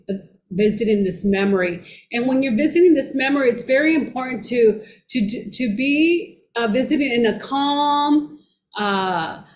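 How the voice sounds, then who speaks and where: A woman co-teaching a brain-training class, speaking reflectively with many pauses and restarts. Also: on the high side. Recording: roomy echo with faint background noise.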